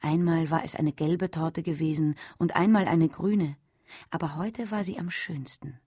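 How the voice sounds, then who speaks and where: A woman reading a literary story aloud, softly and at times almost whispering. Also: low voice, breathy edge, no room sound, studio quality. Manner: slow, soft, sometimes near a whisper. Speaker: reader.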